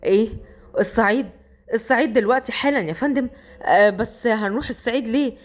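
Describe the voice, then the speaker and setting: A woman's voice: a little high, quick pace, close to an everyday voice. Woman doing deferential police colonel. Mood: somber. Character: middle-aged police colonel, dutiful and deferential.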